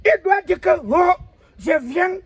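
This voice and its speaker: Guy doing a squeaky high pompous old elder, rambles and stutters on repeat like a sermon, comedy sketch. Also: expressive, unhurried, fairly bright tone, no room sound, full character voice. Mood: pleading. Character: pompous old man, self-styled spokesman of ancestors. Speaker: comic figure lecturing on national football.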